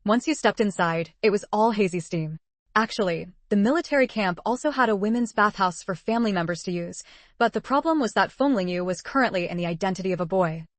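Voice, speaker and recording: Female narrator, even and steady, mid pitch, dry close sound. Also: a little fast, no echo. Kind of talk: audiobook narration.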